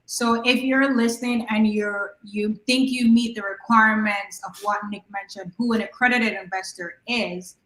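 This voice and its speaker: A woman's voice: medium pitch, steady tone, moderate pace, hardly any pauses, fairly bright tone, reverberant, poor audio. A woman with a Jamaican accent co-hosting a podcast, asking questions in a chatty way and often restarting her sentences. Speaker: podcast co-host. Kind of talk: casual interview questions.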